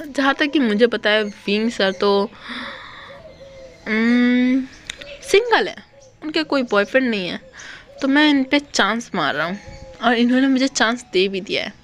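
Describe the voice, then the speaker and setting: A woman's voice: on the high side, lively intonation, unhurried, long pauses. A woman voicing a possessive young male lion alpha student who talks boastfully and domineeringly. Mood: mocking.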